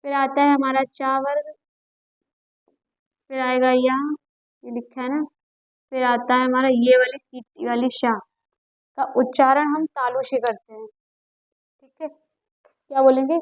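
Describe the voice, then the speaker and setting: A woman's voice: high voice, steady tone, slow, pauses often, no echo, lo-fi sound. A woman teacher giving a lesson, patiently repeating sounds aloud for students to copy. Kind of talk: classroom lesson on Hindi phonetics.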